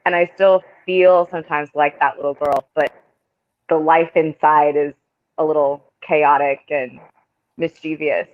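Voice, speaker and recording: A woman actress chatting as a guest on a livestream, speaking in a chatty, animated way over a video call. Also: deep voice, measured pace. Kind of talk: casual livestream chat. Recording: tinny phone-like call audio.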